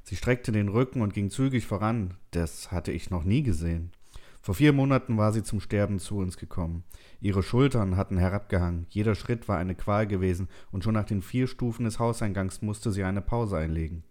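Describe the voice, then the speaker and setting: Calm man reading a story, low voice. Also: fairly quick. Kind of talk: scripted first-person narration.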